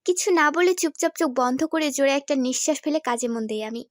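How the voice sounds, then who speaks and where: A young woman narrating a story in the first person, expressive and storytelling. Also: high voice, brisk, no room sound, studio quality.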